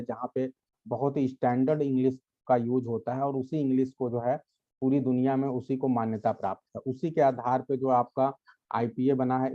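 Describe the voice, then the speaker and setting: The audio is dull as a man of medium pitch explains English grammar to his class. He is patient, speaks directly to the students, and frequently makes sure they understand.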